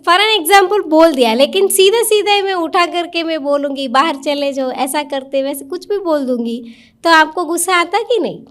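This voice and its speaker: A woman giving an interactive spiritual talk to a live audience in a meditation centre hall, questioning people directly in a coaxing, conversational way. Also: high voice.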